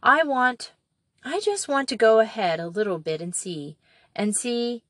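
A woman's voice: a little high, very animated, a little slow, fairly bright tone, no echo, studio quality, pitched above the performer's own voice, full character voice. A woman voicing a frightened young girl who tries to sound firm and brave. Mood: anxious. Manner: urgent, trying to sound firm.

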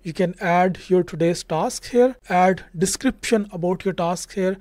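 A man's voice: sits high, unhurried, darkish tone, no echo. A young man hosting a screen-share coding tutorial, talking casually with lots of "just" and "like" into a studio mic at home. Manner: casual, repeats fillers like "just" and "like". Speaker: tech tutorial host. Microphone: studio mic on a stand in front.

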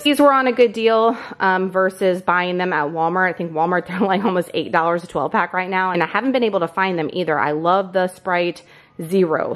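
A woman in her thirties chatting casually through a grocery haul in her home kitchen. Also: lowish voice. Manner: chatty and upbeat, quick asides. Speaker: vlogger.

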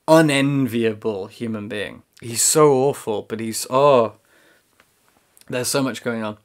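A young man talks to camera in a casual book review, with a medium-pitched voice. He is emphatic, often repeating a word or phrase to drive it home. It sounds like someone seated close to the camera in a small room. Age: young adult. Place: small room indoors with bookshelves.

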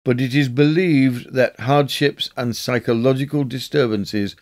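A man narrating a scripted history episode in a measured, documentary-style reading. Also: mid-range voice, steady tone, a little mellow.

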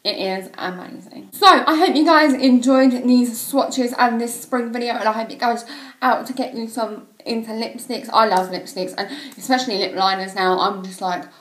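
A woman's voice: fairly high pitch, moderate pace, a bit bright, reverberant, poor audio. A woman chatting casually to camera about makeup, gushing and filling her talk with "like" and "um". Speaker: beauty vlogger.

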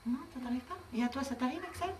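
Woman teacher, sing-song questioning, slightly high voice, distant mic, faint background noise. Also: racing, darkish tone. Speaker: preschool teacher. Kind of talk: reading a picture book with small children. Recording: roomy room, far from mic, faint noise.

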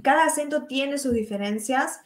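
A young woman from Argentina with an Argentine Spanish accent, teaching English in a live online lesson, drilling examples slowly and checking that students follow. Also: high voice, roomy sound.

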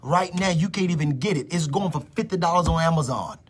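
A middle-aged man preaching prophecy live over his phone, repeating phrases and swinging between loud declarations and whispers. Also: a little high, a little fast, breathy edge.

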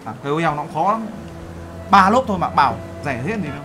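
A man's voice: on the high side, animated, fast talker, bright, forceful tone, soft background music. A man role-playing a boastful overseas-company boss in a game, brash and teasing. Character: boastful male overseas-Vietnamese CEO. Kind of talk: game role-play banter.

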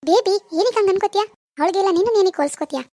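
A woman's voice: very high-pitched, lively intonation, racing, warm tone, no echo. A woman voicing a worried middle-aged mother in a cartoon, soothing and pleading with her daughter. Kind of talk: cartoon voice acting.

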